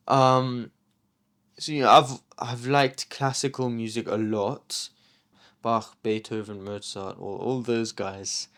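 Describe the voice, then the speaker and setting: A man, answering interview questions in a thoughtful, hesitant way with frequent pauses. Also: mid-range voice, clean tone. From England. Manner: thoughtful, hesitant, many ums. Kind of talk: reflective documentary interview.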